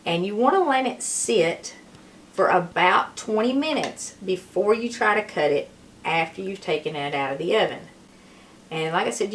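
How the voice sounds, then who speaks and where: Hoarse woman, voice giving out. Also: medium pitch, slight background noise. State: hoarse, losing her voice. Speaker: home cook presenting a recipe. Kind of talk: casual cooking tutorial.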